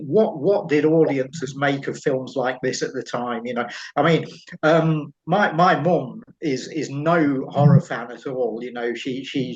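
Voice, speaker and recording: A middle-aged man with a Derbyshire, East Midlands accent talks film with keen, thoughtful enthusiasm. He feels his way into sentences, repeating words before moving on. The audio is slightly muffled and lo-fi, with an average-pitched voice. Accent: East Midlands English, Derbyshire. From Derbyshire, England. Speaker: film writer, podcast panellist. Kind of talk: casual film discussion.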